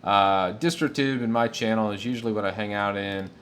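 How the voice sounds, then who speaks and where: A man's voice: on the low side, a little fast, fairly bright tone, a little hiss or hum. A man casually answering viewer questions on a live tech stream, enthusiastic and rambling with fillers.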